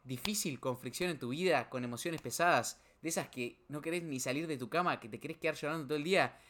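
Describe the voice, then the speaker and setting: A young man with a Rioplatense Spanish accent co-hosting a podcast in casual chat, talking animatedly and getting loud when he acts out his own words, recorded over a video call. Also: fairly high pitch, quick pace. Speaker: podcast co-host.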